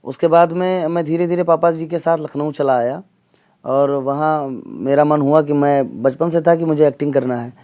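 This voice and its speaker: A man from the Gonda region, a comedian answering interview questions earnestly, with pauses and fillers. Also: fairly high pitch, steady tone, warm tone. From Gonda region, northern India. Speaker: comedian and mimic, interview guest.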